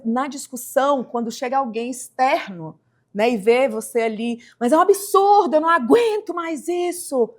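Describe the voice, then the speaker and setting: Reflective Brazilian woman podcast host. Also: mid-range voice. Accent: Brazilian Portuguese. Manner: reflective, with frequent "né" tags and sudden emphatic rises. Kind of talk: casual interview talk.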